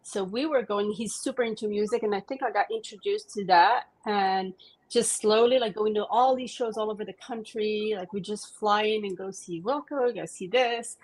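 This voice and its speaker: A woman's voice: medium pitch, moderate pace, rough recording. A woman from Morocco, a podcast guest eagerly telling a rambling story and laughing often. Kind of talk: casual interview chat.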